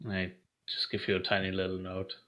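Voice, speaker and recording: A man's voice: sits low, completely flat delivery, fairly quick, bright, forceful tone. A man playing a tabletop role-playing game, talking in an easygoing way and laughing readily. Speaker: player. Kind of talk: casual tabletop role-play. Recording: dull lo-fi audio.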